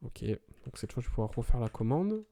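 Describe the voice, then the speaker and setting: In a screen-recorded IT tutorial, a male presenter walks through a computer setup step by step, fixing small slips as he goes. His medium-pitched voice is dark-toned with vocal fry, and he speaks briskly and very animatedly. There's slight background noise.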